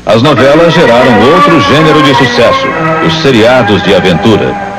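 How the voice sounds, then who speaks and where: A man's voice: mid-range voice, lively intonation, moderate pace, loud music behind the voice, low-quality recording. A man giving scripted documentary narration about past times, as the programme's narrator.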